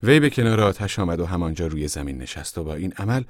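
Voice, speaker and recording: A man narrating a novel in a calm, measured reading. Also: deep voice, no echo, clean studio sound. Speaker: audiobook narrator. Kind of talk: scripted narration.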